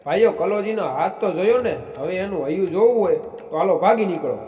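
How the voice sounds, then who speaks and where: A man's voice: high voice, expressive, a little fast, warm tone, reverberant, big-room sound, soft background music. A man voicing a bold rival horseman chieftain in a spoken folk tale, blunt and challenging. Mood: taunting.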